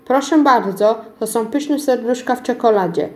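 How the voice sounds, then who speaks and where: A brave, kind little girl from a storybook, as a woman reads her lines aloud. The voice sits high, bright and girlish. It carries a good deal more push than the plain narration around it. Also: normal speed, lightly acted. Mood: eager.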